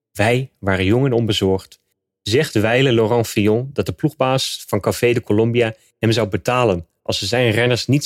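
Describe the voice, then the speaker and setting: A man narrating a scripted nonfiction account in a steady, measured reading voice. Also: medium pitch, no echo, clean studio sound.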